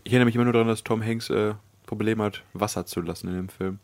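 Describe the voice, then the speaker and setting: Low-voiced wry man chiming in. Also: fairly even intonation, a little mellow. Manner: quick interjections and questions, wry. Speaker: podcast co-host. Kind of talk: casual film chat.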